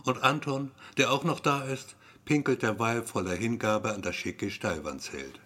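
A man's voice: mid-range voice, moderate pace, sharp tone, breathy edge. A man reading a story aloud in a wry, repetitive storytelling manner. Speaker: narrator.

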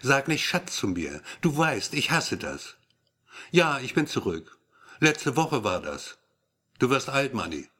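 Sex: man reading a woman. Figure: a man voicing a sharp-tongued woman journalist. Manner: curt, sarcastic, lively pitch. Style: audiobook. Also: slow, husky, heavily acted. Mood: scornful.

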